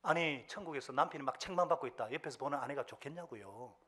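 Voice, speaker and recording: A man preaching a sermon as pastor, who asks the congregation questions and swings between loud outbursts and hushed whispered asides. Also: mid-range voice, fast talker, breathy edge.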